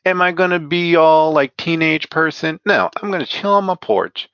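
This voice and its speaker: A man in his forties with a gravelly, bright voice that swings widely in pitch. He chats casually and laughs at himself. The sound is dry and a little dull, like a lo-fi podcast mic. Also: expressive, normal speed, no room sound. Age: 40s. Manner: laughing, self-mocking, quotes himself in put-on voices. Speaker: podcast co-host. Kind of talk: casual chat.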